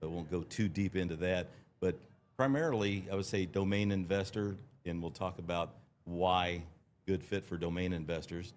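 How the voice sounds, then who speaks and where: A man with a deep voice introduces himself as a guest, measured and a little hesitant. Faint conference-floor ambience sits behind him. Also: a little hiss or hum. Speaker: guest, domain investor and lawyer.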